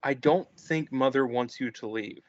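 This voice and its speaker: Lightly acted at normal speed, a man's mid-range voice reads a naive, sheltered young man during a play table read, sounding earnest, wide-eyed, hesitant and stammering. The recording is muffled and lo-fi, with an echoey room and a little hiss or hum.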